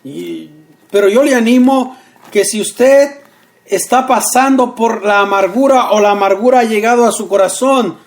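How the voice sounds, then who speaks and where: A man preaching a radio sermon, earnest, repeating short phrases slowly for emphasis. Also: high-pitched.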